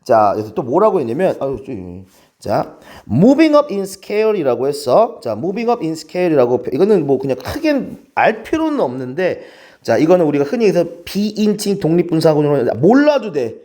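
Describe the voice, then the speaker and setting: A man's voice: on the high side, sing-song, unhurried, dark tone. A man teaching English grammar in a lecture, keeps checking in with the class through rhetorical questions.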